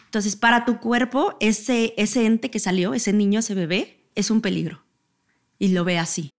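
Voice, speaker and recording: A woman's voice: mid-range voice, steady tone, a little slow. A woman, a guest speaking in a reflective, explaining way in casual conversation.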